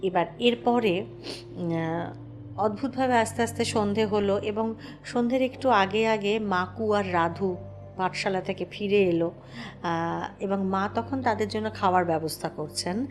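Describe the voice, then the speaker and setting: A woman's voice: medium pitch, faint music behind. Woman retelling a devotional story. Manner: retells a story slowly and affirms with soft hums. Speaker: host. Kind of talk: spiritual storytelling talk.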